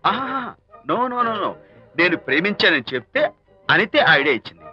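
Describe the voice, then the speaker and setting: A man's voice: high voice, big pitch swings, normal speed, sharp tone, heavily acted. An actor playing a playful young man in love, mixing English into his Telugu, in a film scene. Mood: pleading. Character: playful young male suitor, teasing. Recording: dull lo-fi film soundtrack with music.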